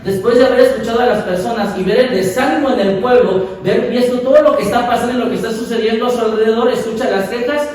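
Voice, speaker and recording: A man's voice: very high-pitched, fast, hardly any pauses, darkish tone, heavy reverb, distant mic, a little hiss or hum, low-quality recording. A male pastor preaching a sermon, emphatic and repeating key phrases for the congregation. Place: large church hall.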